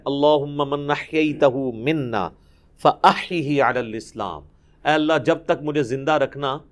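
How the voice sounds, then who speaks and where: A man giving a Quran commentary lecture, explaining verses, reciting Arabic and asking rhetorical questions. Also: fairly high pitch. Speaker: Islamic preacher.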